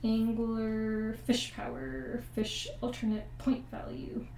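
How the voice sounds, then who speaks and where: A young woman who hosts a board game channel walks through a card game at her table at home in a casual playthrough, using an ordinary pitch and a darkish tone with completely flat, slow delivery. She is chatty and explanatory, going step by step and often pausing to second-guess and check the rules. Her desk USB mic sits far off in an echoey room, so the sound is roomy and distant, with a faint hum behind her.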